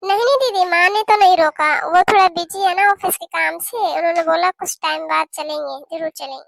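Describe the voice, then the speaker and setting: A woman's voice: extremely high pitch, a little fast, vocal fry, no room sound. Woman voicing a meek young bride in a cartoon. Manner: soft, respectful. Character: meek polite young newlywed daughter-in-law. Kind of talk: cartoon voice acting.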